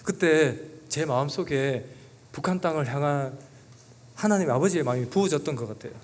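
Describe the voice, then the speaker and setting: In a church sanctuary, a middle-aged guest pastor shares a personal testimony during a sermon, earnest and emotional. His voice is fairly high and a little mellow, at a normal speed.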